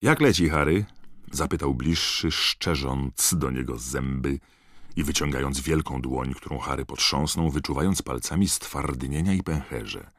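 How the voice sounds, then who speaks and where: A man reading a story aloud as an audiobook narrator, expressive and scripted. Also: rumbling low, a little slow, no echo, clean studio sound.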